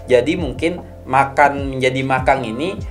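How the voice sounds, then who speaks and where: A young man hosts a casual podcast. He explains at an unhurried pace and stops often to gather his thoughts. His voice sits in an ordinary middle pitch. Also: faint music behind. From Makassar, South Sulawesi, Indonesia. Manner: explains patiently with many fillers, acts out local phrases. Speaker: podcast host.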